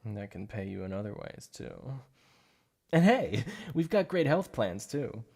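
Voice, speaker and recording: With a lowish, creaky voice in full character, a man performs a shy and obsessive male supervillain for ASMR. His soft, sing-song delivery is a little slow and coaxing, and he stammers over his slips of the tongue.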